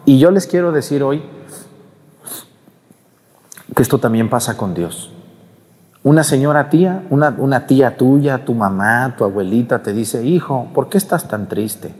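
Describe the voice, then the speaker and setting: A man's voice: medium pitch, normal speed, darkish tone, in a large hall. A man preaching a homily at mass in a conversational style, often acting out what parishioners say. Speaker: priest.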